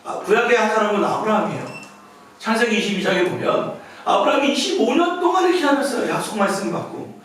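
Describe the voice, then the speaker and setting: A male pastor delivers a sermon with a high, lively voice that swings widely in pitch. He acts out the dialogue he quotes. The sound comes from a distance and rings through a very echoey church hall. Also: fast, slight background noise. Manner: animated preaching, acting out quoted dialogue. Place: church sanctuary.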